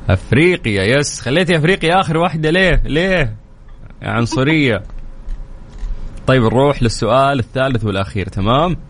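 A man's voice: medium pitch, animated, fairly bright tone. A man with a Saudi accent hosting a radio call-in quiz show, playful and teasing with callers. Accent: Saudi Arabic. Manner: playful, teasing, counts down quickly. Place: radio studio.

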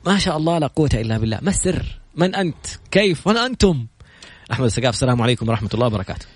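A man hosting a podcast in a casual talk style, reciting prayers and then telling stories in a lively, chatty way. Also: mid-range voice, breathy edge, no echo. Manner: opens with recited prayers, then brisk storytelling; lively and chatty, jokes with the guest. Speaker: podcast host. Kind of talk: casual talk show introducing a guest.

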